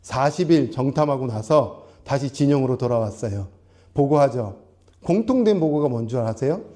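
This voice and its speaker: A man's voice: medium pitch, expressive, normal speed, dark tone. A male pastor delivering a Sunday sermon, explaining word meanings step by step and putting questions to the congregation. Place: small church.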